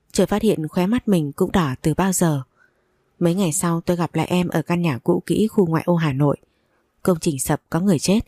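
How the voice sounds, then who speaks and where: A woman narrating a first-person audio story in a steady, even reading voice. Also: on the low side, no echo, clean studio sound.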